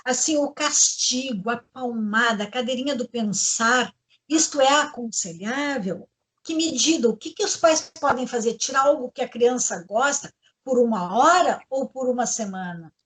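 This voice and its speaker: A woman's voice: a little high, normal speed, a bit bright, a little hiss or hum. A woman, hosting a panel discussion on parenting and earnestly instructing the audience. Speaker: host, educational psychologist.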